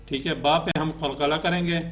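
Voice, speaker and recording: A man teaching a Quran reading lesson. He chants letters and syllables slowly and melodically, then explains quickly, often checking in with a short "okay". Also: a little high, fairly even intonation, fairly bright tone. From Pakistan.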